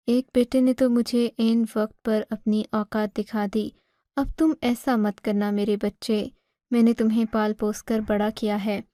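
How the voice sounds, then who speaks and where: A tearful older mother begs her son in an imploring way, as a woman narrator voices her in a storybook reading. The voice is mellow and a little high, recorded dry and close. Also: level tone, no echo, natural voice. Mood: pleading. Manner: begging, imploring.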